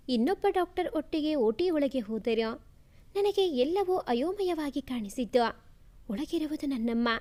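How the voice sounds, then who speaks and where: Woman, storyteller, high voice, soft and emotional, first-person story reading.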